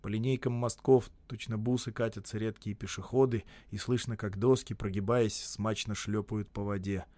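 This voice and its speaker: A man giving a measured, scripted reading of a literary story. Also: lowish voice, steady tone, darkish tone, no echo. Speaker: narrator.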